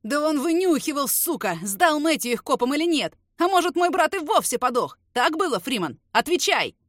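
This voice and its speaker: A hot-headed young man yells and swears, played by a woman. His voice is loud and strained upward. The sound is close and dry. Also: high voice, sing-song, normal speed, no room sound, voice pushed up. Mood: furious. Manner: shouting, cursing.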